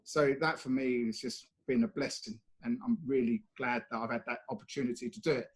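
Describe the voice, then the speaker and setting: A British brand ambassador from the UK answers interview questions in a casual, chatty way, often dropping in "you know." His mid-range voice moves fairly quickly with fairly even intonation.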